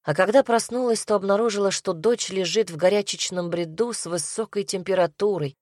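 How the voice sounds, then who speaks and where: Woman calmly reading a story aloud, dry close mic. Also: medium pitch, fairly quick, dry recording. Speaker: narrator.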